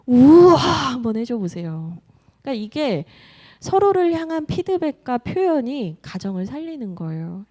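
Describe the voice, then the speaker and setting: Animated woman pastor telling a story. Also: a little high. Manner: lively storytelling with playful quoted dialogue. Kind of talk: sermon. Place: church sanctuary.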